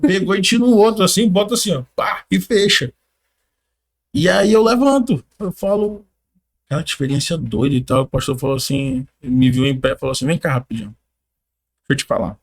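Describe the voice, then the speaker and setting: A man on a podcast giving his personal faith testimony in casual conversation, a lively storyteller who acts out what others said, with informal slang. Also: high voice, moderate pace. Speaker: podcast guest.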